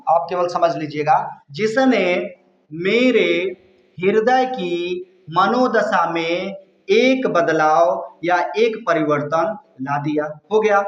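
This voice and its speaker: A man teaching a poem line by line, slowly repeating each word and its meaning. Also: high-pitched. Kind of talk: line-by-line poem explanation lesson. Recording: echoey dull lo-fi room sound.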